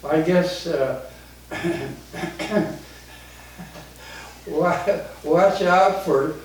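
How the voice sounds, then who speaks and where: A very old man of ninety-nine chatting casually with children in a halting, rambling, jocular way. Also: fairly high pitch. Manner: jocular, chuckles often. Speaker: elderly guest, retired forester. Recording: very echoey room, distant mic, faint noise.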